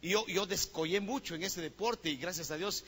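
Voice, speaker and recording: A man with a Guatemalan Spanish accent preaching a sermon as pastor, telling stories with animation and breaking into loud exhortation. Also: high voice, moderate pace, husky. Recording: long reverb of a church hall.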